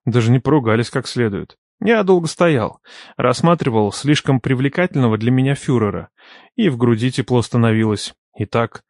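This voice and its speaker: A man's voice: medium pitch, darkish tone, dry recording, clean studio sound. A young man narrating an audiobook in the first person, in a playful, teasing and ironic way.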